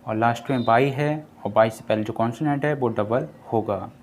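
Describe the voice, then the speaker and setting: A man teaching an English lesson, explaining spelling rules slowly and spelling out example words one at a time. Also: mid-range voice, a little hiss or hum.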